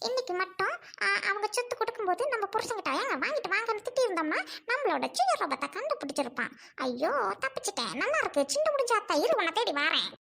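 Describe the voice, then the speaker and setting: Woman acting scheming young village wife, very high voice, lively swings, family drama. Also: fast talker, gravelly, faint music behind, full character voice. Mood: sly. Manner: pleading then sly muttering asides.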